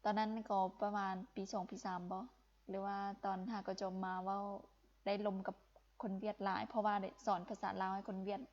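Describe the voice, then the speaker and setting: A woman's voice: medium pitch, flat delivery, fairly quick, darkish tone, highs cut off. Encouraging Lao woman teaching a live lesson. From Laos. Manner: encouraging, repeats phrases for emphasis. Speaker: Vietnamese language teacher. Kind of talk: live-streamed language lesson talk.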